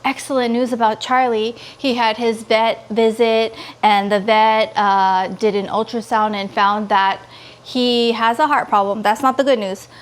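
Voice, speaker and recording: A woman from California in her thirties chatting casually to her vlog viewers in an expressive, gushing way. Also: a little high, unhurried. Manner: expressive, pleading and gushing, quotes others in dialogue. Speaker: vlogger.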